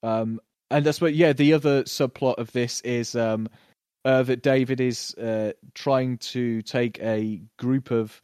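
A man in casual conversation on a podcast, talking through a TV series with lots of fillers and quick bursts of acted-out lines. His voice sits in a middle register and sounds dry and close, with no room around it. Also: mid-range voice, smooth, dry recording. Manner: animated, puts on quick voices when retelling scenes. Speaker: podcast co-host. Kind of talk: casual TV review chat.

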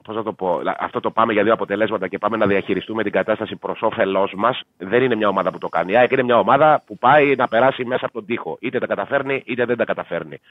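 A man talking through a football match as an analyst, measured and thinking aloud with fillers. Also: lowish voice, no echo. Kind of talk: casual sports betting talk. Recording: tinny dry phone line.

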